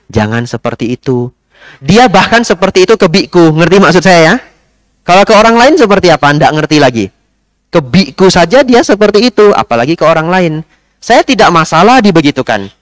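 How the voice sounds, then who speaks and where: Animated male Buddhist monk preaching. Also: on the high side, no echo. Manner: animated, asks the audience rhetorical questions. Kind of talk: dharma sermon.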